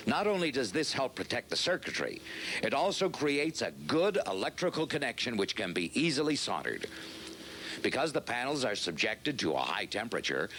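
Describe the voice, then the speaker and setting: Male narrator, vintage industrial training film, measured instructional delivery, animated pitch, faint background noise.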